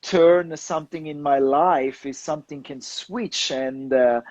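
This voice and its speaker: A man's voice: on the high side, a little slow, darkish tone, no room sound, low-quality recording. A young man from southern Italy with an Italian accent, talking as a guest in a casual interview, with many fillers and restarts. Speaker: guest photographer.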